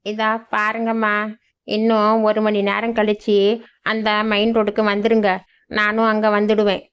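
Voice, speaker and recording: A clever young village man in a cartoon who brags that no problem is too big for him, as a woman puts him on. He talks low and unhurried. The sound is dull and lo-fi. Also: completely flat delivery, fairly bright tone, smooth, natural voice. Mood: reassuring. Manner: slow, low, boastful. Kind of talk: cartoon voice acting.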